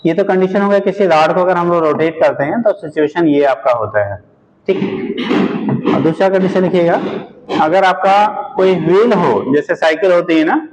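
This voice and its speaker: A man's voice: sits high, low-quality recording. A male physics teacher giving a classroom lecture, addressing his students as "beta" and repeating his questions for them to answer.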